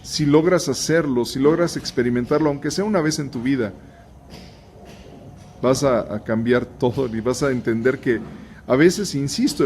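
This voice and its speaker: A man leads a relaxed Bible lesson, speaking straight to his viewers in a chatty way. His voice sits at an ordinary middle pitch, and he often stops to restart a sentence. A faint hiss of background noise sits under the recording. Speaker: host and Bible teacher. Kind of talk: conversational Bible teaching to viewers.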